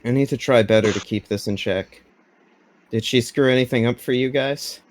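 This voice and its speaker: A man playing in a tabletop game, easygoing and quick to laugh. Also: medium pitch. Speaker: player. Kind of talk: casual tabletop role-play chat.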